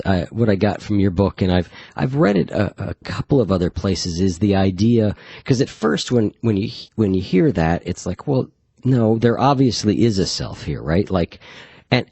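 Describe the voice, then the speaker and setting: Host: husky, deep man, easygoing questions, dry recording. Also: a little mellow, no room sound. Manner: conversational, hedging questions with fillers. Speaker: podcast host. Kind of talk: interview questions.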